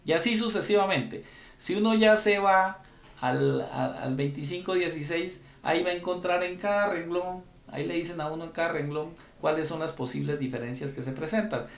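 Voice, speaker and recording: A man's voice: fairly high pitch, moderate pace, vocal fry, roomy sound. A man giving a conference lecture on tax rules, explaining step by step and often checking in with the audience. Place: conference room.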